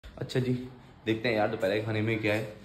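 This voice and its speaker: A man's voice: on the low side, flat delivery, fast talker. A young man casually narrating his day to camera, chatty and informal, talking to viewers like friends. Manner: chatty, keeps addressing viewers as brother. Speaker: vlogger. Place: at home, indoors. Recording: noisy home recording.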